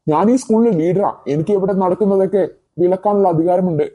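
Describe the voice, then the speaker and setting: A self-important boy who leads the school, voiced by a man in a cartoon. His voice is very dark and mellow, and he talks fast and demanding. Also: high voice, lo-fi sound. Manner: assertive, demanding. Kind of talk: cartoon voice acting.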